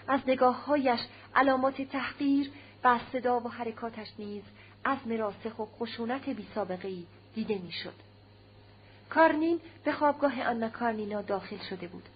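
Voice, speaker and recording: A woman narrating a classic novel as an audiobook, in a steady, measured reading, on a slightly muffled recording with a faint hum. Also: a little high.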